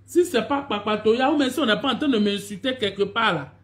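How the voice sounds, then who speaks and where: A woman's voice: fairly high pitch, a little fast. A woman hosting a live stream, repeatedly greeting viewers by name and scolding them. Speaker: online video personality hosting a live stream. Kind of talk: live stream chat with followers.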